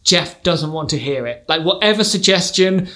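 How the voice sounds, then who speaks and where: A man chatting casually and telling playful stories with plenty of energy. His voice sits notably high for a man. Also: moderate pace. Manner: animated, playful storytelling. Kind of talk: casual chat.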